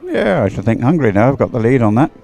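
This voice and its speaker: Fast and very animated, a man with a warm, mid-range voice and some vocal fry calls a race live from a commentary room above the course. His unscripted commentary is conversational and hesitant, as if he's thinking out loud as he goes.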